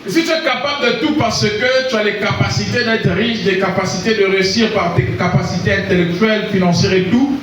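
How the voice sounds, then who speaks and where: A man from Congo preaching a sermon, calling out to the congregation for responses and rising to shouts. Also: high voice, fairly quick, few pauses, slight background noise. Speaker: pastor. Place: church hall. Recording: echoey hall, voice from far off.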